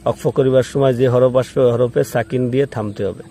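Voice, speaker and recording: A man teaching Quran recitation step by step, spelling out each letter and vowel mark, then slowly chanting the word and patiently repeating the rules. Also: mid-range voice, steady tone, mellow, slight background noise.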